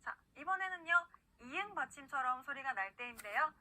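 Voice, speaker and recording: Bright high-voiced woman teaching pronunciation. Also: expressive, low-quality recording. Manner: patient, repeats words slowly for the learner to copy. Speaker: language teacher. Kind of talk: scripted online pronunciation lesson.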